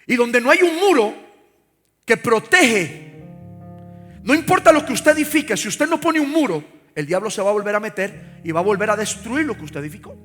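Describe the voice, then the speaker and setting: A man's voice: extremely high pitch, very animated, moderate pace, a bit bright. A man preaching a live sermon in a church, fervently urging the congregation to repeat after him. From Costa Rica. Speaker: pastor. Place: large church sanctuary. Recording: reverberant hall with faint music.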